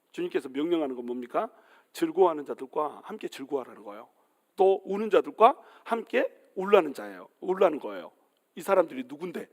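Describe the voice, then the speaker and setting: Pastor preaching with humor in a reverberant hall. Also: male voice, on the high side. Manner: humorous storytelling, acting out quoted voices, asking the congregation questions. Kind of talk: sermon.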